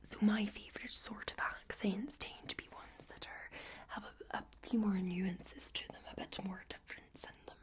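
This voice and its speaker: A woman, an ASMR creator, talking in a soft slow whisper. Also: mid-range voice, fairly even intonation.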